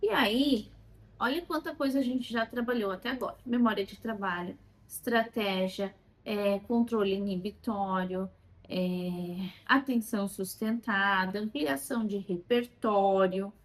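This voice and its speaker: A woman's voice: mid-range voice, unhurried. A Brazilian woman teaching how to use a children's learning game, recorded on a phone, at times modelling questions as if to a child. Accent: Brazilian Portuguese. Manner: animated, talks as if to a child when modelling questions. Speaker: child development educator.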